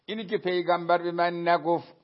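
A man giving a religious lecture, telling narrations to his listeners and reciting Arabic quotations slowly. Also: high voice, level tone. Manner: storytelling, addresses listeners as dear friends. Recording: dull lo-fi recording.

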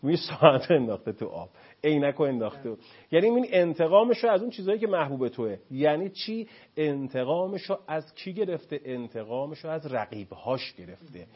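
A man, a guest expert on a talk show, explaining child-rearing in an animated way and acting out parents and children in quotes. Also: a little high, breathy edge, highs cut off.

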